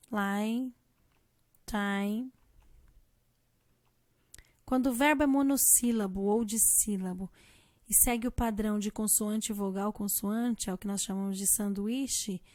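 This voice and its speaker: Slow, patient Brazilian teacher woman. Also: medium pitch, darkish tone, no echo. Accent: Brazilian Portuguese. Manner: slow, patient explaining, spelling letters out. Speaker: English teacher. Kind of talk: recorded grammar lesson.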